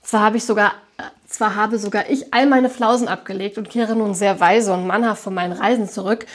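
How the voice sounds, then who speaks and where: A woman's voice: medium pitch, steady tone, fairly quick, close to an everyday voice. A woman voicing a charming young male confectioner who teases and boasts lightly.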